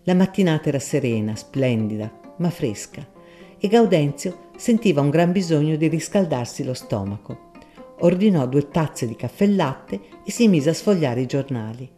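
A man reads a story aloud in a measured, expressive way. His voice is mellow and dark, with a faint guitar playing underneath. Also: fairly high pitch. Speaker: narrator. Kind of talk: storybook reading. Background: soft guitar music.

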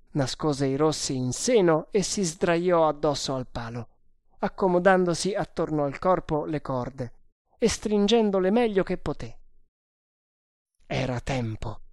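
A woman narrating an adventure novel in a measured, deliberate reading. Her voice is very low for a woman and unhurried, and the sound is dry and close with no room around it. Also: a little mellow, dry recording. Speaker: audiobook narrator.

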